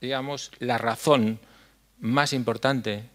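An older man from La Mancha, head of a foundation, giving a speech on a dark stage at a stand mic, earnest and halting, with many fillers. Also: mid-range voice, fairly even intonation. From La Mancha, Spain. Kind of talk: conference speech. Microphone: stand mic at a lectern.

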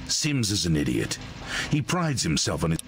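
Gravelly, oily villain recruiter. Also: male voice, low-pitched, wildly swooping pitch, moderate pace, soft background music, heavily acted. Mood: silky menace. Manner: oily, theatrical, condescending. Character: suave sinister male recruiter, villainous.

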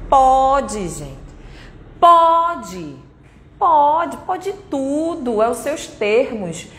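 At a conference, a woman in her 30s with a Brazilian Portuguese accent gives a motivational speech that is blunt, forceful and repetitive. Her voice sits at a medium pitch with a somewhat dark tone, and the hall adds echo and a little faint noise.

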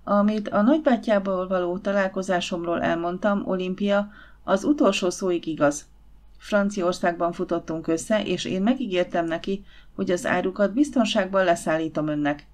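A woman voicing a calm, guarded Victorian gentleman in an audiobook, speaking in an even, measured way. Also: fairly low pitch, lightly acted.

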